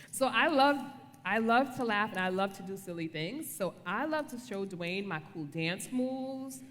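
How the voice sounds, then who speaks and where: A woman with a medium-pitched voice gives a casual devotional talk. She is conversational and playful, and her words carry a long room reverb. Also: animated, a little slow, a bit bright, a little hiss or hum. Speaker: co-speaker in a couples' talk.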